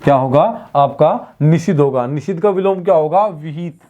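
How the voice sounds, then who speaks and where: A man leads an online exam-prep class in Hindi grammar, with a voice a little higher than most men's. He keeps asking a question, answers it himself and repeats the answer. His delivery is steady, patient and drill-like. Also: normal speed, highs cut off. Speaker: Hindi teacher.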